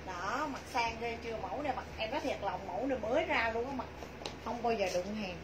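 A middle-aged woman with a southern Vietnamese accent giving a chatty, repetitive live sales pitch to viewers from a small clothing shop. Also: brisk. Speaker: clothing shop livestream seller. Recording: noisy shop livestream, clear background noise.

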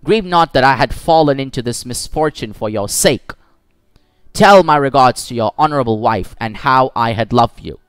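Calm, resigned merchant read by a man, steady farewell tone, smooth voice. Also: medium pitch, moderate pace, no room sound, natural voice.

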